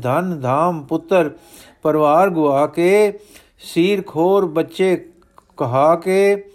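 A man's voice: fairly high pitch, a little mellow. A man reading the part of a grieving, devoted older chieftain, earnest and reverent in manner.

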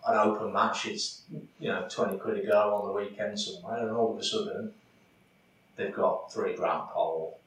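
On a relaxed podcast about fishing, a man with a lowish voice speaks at a moderate pace with fairly even intonation, chatty and heavy on fillers. He sounds distant and echoey, with a little background noise.

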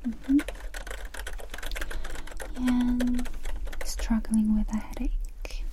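A woman whispering gently through an ASMR roleplay as a clinician greeting and questioning a client. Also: a little high, flat delivery, a little hiss or hum. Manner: soft unvoiced whisper, gentle and slow. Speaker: ASMR creator playing a clinician. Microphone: close sensitive mic.

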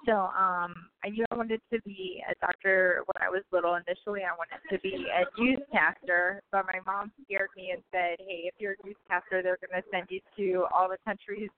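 A woman's voice: mid-range voice, steady tone, moderate pace, hardly any pauses, slight background noise. Chatty woman guest on a tinny line. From Guyana. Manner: chatty, laughs often, many ums. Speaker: guest, physician and author. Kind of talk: casual interview answers.

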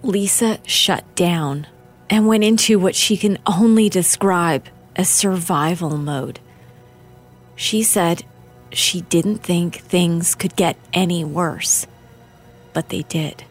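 Woman doing documentary narration, slow and careful, low voice, quiet music behind. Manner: measured, deliberate.

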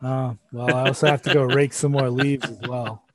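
A man's voice: medium pitch, level tone, moderate pace, a bit bright, no room sound. A man co-hosting a podcast in casual, joking banter, easygoing and fond of trading fan theories. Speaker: podcast co-host.

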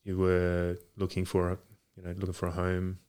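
A man's voice: low-pitched, completely flat delivery, normal speed, a little mellow, smooth. A man in a casual chat as a guest, talking in a hesitant, rambling way. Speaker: podcast guest, boxing coach. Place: home garage.

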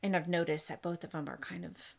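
A woman in her thirties with a slightly low voice, chatting as a podcast guest. She is sarcastic and self-deprecating, and she talks freely about her life. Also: steady tone, a little fast, creaky. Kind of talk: casual podcast chat.

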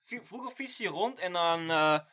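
Young male co-host, high and sharp, animated slangy banter. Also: moderate pace. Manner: animated, laughs a lot, street slang. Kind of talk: casual chat.

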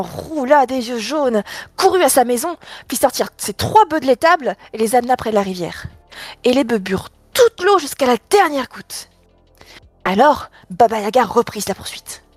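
A woman reading a fairy tale aloud, expressive, dropping to a hush at tense moments. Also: fairly high pitch, moderate pace, dry recording, faint music behind. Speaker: storyteller. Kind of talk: storybook reading.

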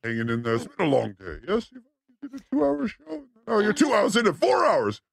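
A man hosting a chaotic comedy stream, joking around in a goofy voice that jumps between pitches. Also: huge pitch swings, a little fast, vocal fry, no room sound. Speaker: host.

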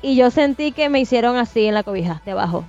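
A woman in her thirties, co-hosting a casual podcast chat, telling a personal ghost story with animated, acted-out detail. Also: on the high side, quick pace, no echo. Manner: animated storyteller, swears it's true, acts out scenes. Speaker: podcast co-host. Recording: dull lo-fi sound with faint music.

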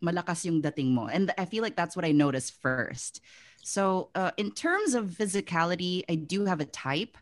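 A woman's voice: lowish voice, lively intonation, moderate pace. A young woman from the Philippines, co-hosting a casual podcast chat, laughing often and trailing off mid-thought. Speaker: podcast co-host.

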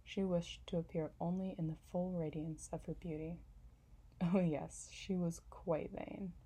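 A woman narrating a classic storybook in a calm, measured reading voice. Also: on the low side, breathy edge, rough recording. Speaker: audiobook narrator.

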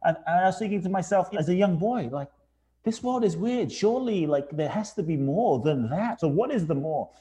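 Mellow-voiced man telling his life story. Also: sits high, expressive, moderate pace. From Ghana. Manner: earnest, reflective, with restarts. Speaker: guest. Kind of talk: casual storytelling interview.

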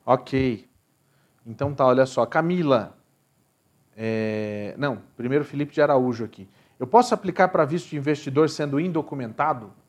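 A man's voice: medium pitch, normal speed. A man with a Brazilian Portuguese accent hosting a live podcast, casually reading out audience questions. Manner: casual, chatty, reads questions aloud.

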